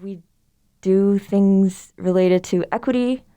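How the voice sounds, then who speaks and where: A young adult woman from Somalia who leads a student club speaks slowly in a mid-range, clean voice while guesting on a podcast. She chats casually and at length, relaxed and friendly, using fillers as she explains. The room has other people in it.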